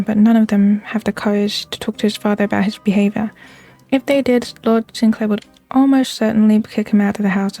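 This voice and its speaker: Woman reading as a mellow, confiding village gossip. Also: medium pitch, gravelly. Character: gossipy villager, eagerly spilling a noble family's secrets. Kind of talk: read-aloud game character dialogue.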